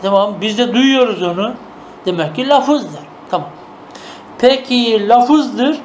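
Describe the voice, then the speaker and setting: A man teaching a traditional madrasa-style lesson. He reads classical Arabic phrases, then explains them patiently with quick rhetorical questions and often checks that his students follow. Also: extremely high pitch, expressive, slight background noise.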